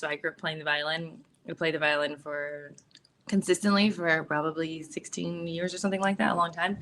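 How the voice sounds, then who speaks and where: Bay area woman in an interview, lowish voice but bright and forceful, chatty with lots of "um" and "like". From San Francisco Bay Area, US. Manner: relaxed, chatty, many fillers and likes. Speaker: actress and filmmaker, interview guest. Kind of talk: casual interview talk.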